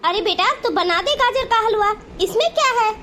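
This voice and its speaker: A woman's voice: very high voice, lively intonation, normal speed, pushed and bright, slight background noise, exaggerated voice. A woman voicing an indulgent middle-aged mother in a Hindi cartoon, coaxing and placating. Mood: insistent.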